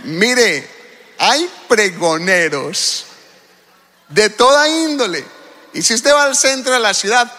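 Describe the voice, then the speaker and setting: Male preacher, high voice, lively sermon delivery with calls to the congregation, reverberant hall. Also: slow. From Colombia.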